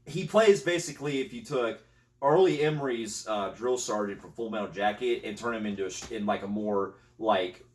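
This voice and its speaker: A man chatting casually about a favorite comedy, rambling through halting, filler-heavy sentences. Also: fairly low pitch, recorded from a distance. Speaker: podcast co-host. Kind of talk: casual movie chat.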